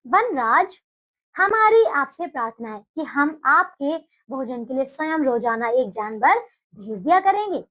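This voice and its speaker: A woman's voice: high-pitched, very animated, a little slow, fairly bright tone, exaggerated voice, poor audio. A woman reading aloud and voicing a polite male elephant who earnestly pleads with the lion king. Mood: pleading.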